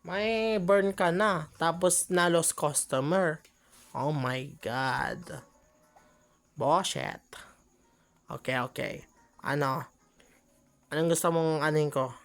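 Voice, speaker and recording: A woman's voice: low-pitched, takes it slowly, long pauses, soft background music. A woman giving chatty gameplay commentary, often exclaiming and laughing at her own mistakes. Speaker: gaming channel host.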